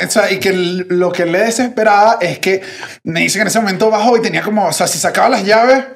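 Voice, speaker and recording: A man's voice: sits high, fast talker, gravelly, noisy background. A man, hosting a podcast and telling an anecdote in casual chat, acting out the people in it. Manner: animated storyteller who acts out the people in his anecdote. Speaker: podcast host.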